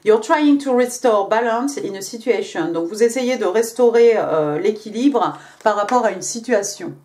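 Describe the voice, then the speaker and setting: A woman's voice: on the high side, lively intonation, normal speed, a little mellow. A woman giving a casual tarot reading, talking chattily with many fillers and little tag words. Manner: chatty, many fillers and "hein" tags, switches to English card text. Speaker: tarot card reader.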